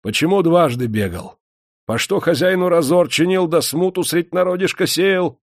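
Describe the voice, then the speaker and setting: A man's voice: mid-range voice, expressive, unhurried, darkish tone, pitched above the performer's own voice. A man voicing a cruel, stern male master who threatens chained prisoners with a harsh, commanding voice.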